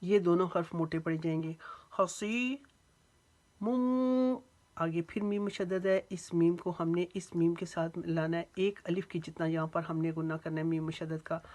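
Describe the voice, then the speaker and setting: A woman teaching Quran recitation rules, slowly drawing out recited phrases and then explaining each rule patiently. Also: on the low side, flat delivery, a little mellow. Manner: breaks words into syllables and draws out recited phrases slowly. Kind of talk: tajweed lesson with slow recitation.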